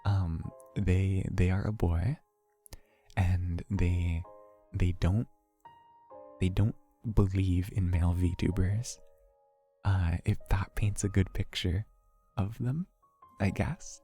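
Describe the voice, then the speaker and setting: A young man talks casually to his livestream chat in an unhurried, low voice. His tone is dark and mellow, and he rambles through a story at an easy pace. Faint background music plays under him. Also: steady tone. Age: young adult. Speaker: VTuber streamer.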